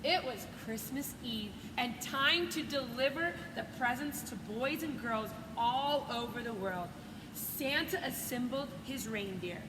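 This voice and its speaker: With a fairly high pitch and a measured pace, a female coach reads a picture book to her students, pausing for simple encouraging asides like a teacher. The recording sounds reverberant and echoey, and background noise is loud.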